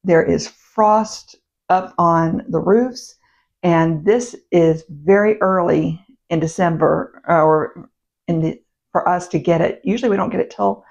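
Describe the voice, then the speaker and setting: A woman with a drawl talks casually to camera at home, still in her slightly rough morning voice. Her pitch sits on the low side for a woman, and she wanders from thought to thought, correcting herself as she goes. The recording sounds a bit dull and muffled. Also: measured pace, a little mellow. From United States. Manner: chatty and meandering, with fillers and self-corrections. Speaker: vlog host. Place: home, indoors.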